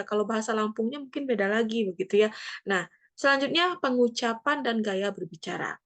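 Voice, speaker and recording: A woman teacher from West Sumatra giving a lecture, explaining point by point and asking herself questions before she answers them. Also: mid-range voice. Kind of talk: classroom lecture.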